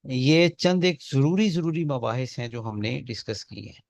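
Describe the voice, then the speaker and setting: A man's voice: medium pitch, animated, vocal fry, no room sound. A man teaching the rules of Quran recitation in a classroom lecture, explaining step by step and chanting examples aloud to show correct and wrong pronunciation. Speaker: tajweed teacher.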